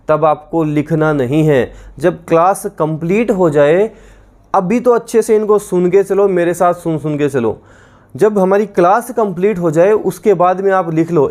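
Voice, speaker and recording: A man teaching an exam-prep class, reciting word lists slowly and repeating them so students can memorize, with encouraging asides. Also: a little high, a little mellow. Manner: coaxing, encouraging.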